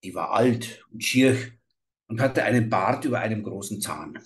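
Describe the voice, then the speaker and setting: A man reading an old fairy tale aloud in a measured, atmospheric way. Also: fairly low pitch, lively intonation. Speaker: storyteller.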